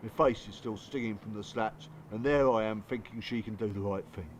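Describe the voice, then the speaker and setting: In a radio drama, an actor plays a bitter, working-class English father who confesses his hurt through blunt, colloquial, strained speech in dialogue and monologue. The mood is anguished and agitated. His natural voice is on the low side and fairly quick, with slight background noise.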